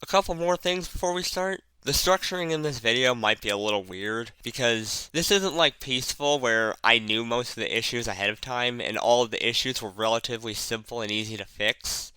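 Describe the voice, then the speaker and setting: A man's voice: mid-range voice, brisk, hardly any pauses, sharp tone, clear, resonant tone, no echo, rough recording. Lisping man with oddly placed emphasis. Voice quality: lisp. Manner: puts odd emphasis on random words; casual, profane, sardonic. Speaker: video narrator and reviewer. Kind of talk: casual scripted video essay commentary. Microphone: cheap headset mic.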